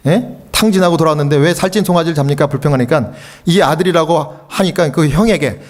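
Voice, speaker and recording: A middle-aged pastor from Korea preaches to his church, his man's voice sitting somewhat high. He tells stories and acts out the people in them, and his voice swings up to near shouts at the peaks. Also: quick pace. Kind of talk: revival sermon with storytelling. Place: church sanctuary.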